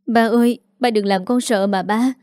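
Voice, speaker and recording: A woman's voice: fairly high pitch, fairly even intonation, normal speed, darkish tone, no echo, studio quality, close to an everyday voice. A woman voicing a dutiful, loving young daughter who speaks earnestly and pleadingly.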